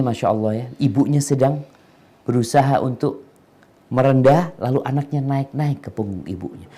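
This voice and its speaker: A middle-aged man preaches a sermon, dropping into quiet, low asides and then rising to emphatic, slangy appeals.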